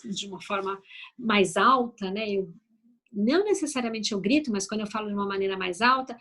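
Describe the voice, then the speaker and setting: A woman with a Brazilian accent, a mother of three, giving a conversational talk at an event about family communication. She acts out sample phrases and often checks in with "né?". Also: fairly high pitch. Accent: Brazilian Portuguese. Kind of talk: live talk to an audience. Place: event venue.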